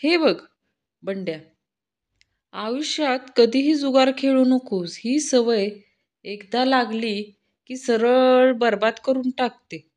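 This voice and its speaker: A woman's voice: a little high, takes it slowly, a little mellow. A woman voicing a stern middle-aged father who lectures his son emphatically. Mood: lecturing.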